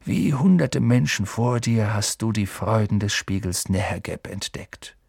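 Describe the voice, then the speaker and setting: A man voicing a kindly, wise old male wizard who speaks softly and unhurriedly, often close to a whisper, in a storybook reading. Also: fairly low pitch, measured pace, gravelly, slightly rough, no echo, full character voice. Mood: gentle.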